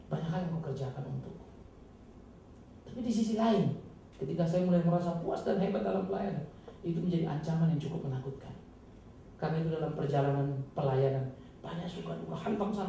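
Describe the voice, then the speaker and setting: A male pastor giving an emphatic, dramatic sermon with sudden loud, high bursts, recorded from a distance in a church hall. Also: fairly quick, long pauses. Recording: echoey hall, distant mic, faint noise.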